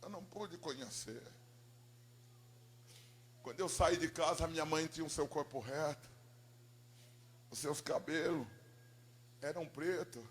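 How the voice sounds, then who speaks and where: A man, a pastor giving an emotional sermon testimony, telling his story dramatically and moving from hushed to loud. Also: fairly high pitch, a little slow, pauses often.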